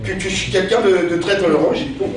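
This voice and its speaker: A man's voice: high-pitched, fast talker, crowd noise. A man performing a theatrical comic stage monologue with hammy, declamatory delivery, like a stage actor reciting. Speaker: sketch comedian on stage. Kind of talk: theatrical stand-up monologue with verse tirade. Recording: echoey hall, distant mic, noisy.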